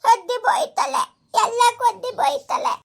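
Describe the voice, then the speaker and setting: Woman voicing little village girl: very high, giggly, drawn-out. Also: big pitch swings, full character voice. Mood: playful. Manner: giggly, sing-song and drawn out.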